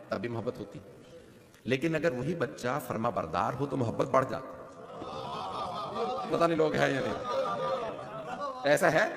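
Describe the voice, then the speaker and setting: A man's voice: a little high, gravelly, a bit bright. A male cleric giving an emotive devotional sermon to a gathering, building to impassioned peaks and often checking the crowd's response. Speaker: Shia cleric preacher. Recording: echoey hall with long reverb.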